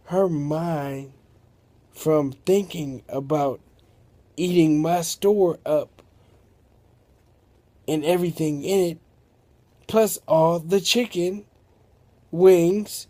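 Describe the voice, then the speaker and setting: A jittery shopkeeper in a told-aloud story, always nervous and wide-eyed, voiced by a man. His voice sits high and mellow, and his words come slowly. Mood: pondering. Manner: nervous, wondering. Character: timid male shopkeeper, easily frightened.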